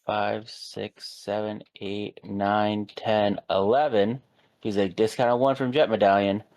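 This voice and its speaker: A man's voice: lowish voice, little pitch movement, unhurried, darkish tone. Wry, teasing card-game man. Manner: wry, teasing trash talk. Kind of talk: casual banter at a card game.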